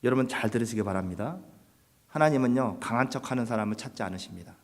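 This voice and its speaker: A man's voice: medium pitch, fast talker, big-room sound. A man preaching a Sunday sermon as pastor, earnest, putting rhetorical questions to his congregation. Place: church sanctuary.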